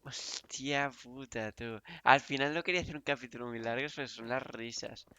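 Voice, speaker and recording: A young man with a Spain Spanish accent giving casual let's-play commentary, swearing, laughing and exclaiming loudly. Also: medium pitch, normal speed, clean tone, no room sound. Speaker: gaming youtuber.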